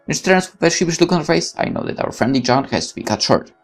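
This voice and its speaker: Rumbling low, husky, and full of vocal fry, this let's player talks fast with huge pitch swings as she reads a visual novel over soft music. She cuts away to candid, opinionated remarks, exclaiming and swearing freely.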